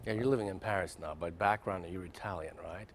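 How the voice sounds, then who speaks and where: Male host, lowish voice, enthusiastic, anecdotal, light background hum. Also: quick pace. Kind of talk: casual interview chat.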